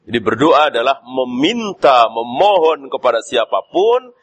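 A man giving a sermon as a preacher, lively in delivery with frequent "ya" and rising stresses. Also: medium pitch, unhurried, slightly rough. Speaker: Islamic preacher.

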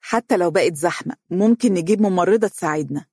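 A storyteller voicing a lively, teasing young wife in Egyptian dialect, pitching up to play her. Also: fast, husky, dry recording, clean studio sound, lightly acted. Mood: persuasive. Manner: bright, teasing, rising excited pitch. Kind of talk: storybook reading.

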